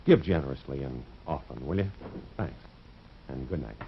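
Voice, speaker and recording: A man's voice: very deep voice, animated, moderate pace, vocal fry, slight background noise, heavily acted. An American man playing a wry, cool-headed private detective in a 1950s crime drama. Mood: wry, friendly. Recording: dull vintage broadcast sound.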